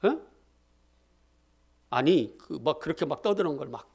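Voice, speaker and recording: A man preaching a sermon as pastor, throwing questions at the congregation and answering them himself in a lively call-and-response style. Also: a little high, a little slow, gravelly, husky.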